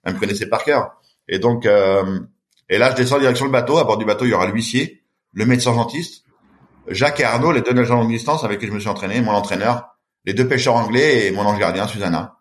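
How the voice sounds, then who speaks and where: Middle-aged man, quick lively storytelling, acts out voices, podcast guest. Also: fairly low pitch. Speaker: guest, long-distance swimmer. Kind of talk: animated storytelling in a podcast interview.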